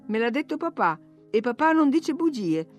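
A woman voicing a headstrong, quick-tempered teenage girl in an audiobook reading, earnest and indignant. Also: a little high, lively intonation, a little mellow, faint music behind, close to an everyday voice. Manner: earnest, then hotly indignant.

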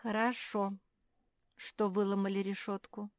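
A woman performs a sour, complaining little female animal from a storybook, sobbing as she speaks. Her delivery is mid-range and moderately paced with a darkish tone, pitched slightly above her natural voice yet still near everyday speech. The recording is clean studio audio with no room sound.

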